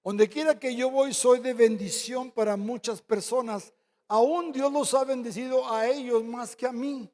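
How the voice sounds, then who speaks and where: A high-pitched man preaching with a Mexican Spanish accent. He tells stories in a lively way, acting out both sides of a conversation and tossing in quick asides. His voice rings with long reverb through a church sanctuary. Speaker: pastor. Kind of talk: sermon with storytelling.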